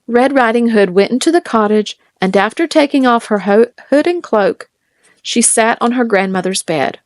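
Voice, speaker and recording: A woman reading a fairy tale aloud in a gentle, measured storytelling manner. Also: a little high, lively intonation, no echo, studio quality. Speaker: storybook reader.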